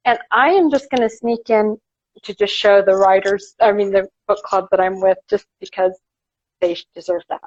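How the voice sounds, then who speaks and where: A woman author hosts a casual live stream at mid pitch, asking questions and chiming in often. Her audio is dull and lo-fi, as if coming through a stream. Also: moderate pace, a little mellow.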